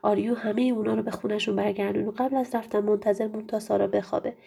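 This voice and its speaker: Woman, storybook narration, dark tone, husky, gentle. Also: medium pitch, level tone. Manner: gentle, with frequent restarts. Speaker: reader. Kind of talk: reading a children's storybook aloud.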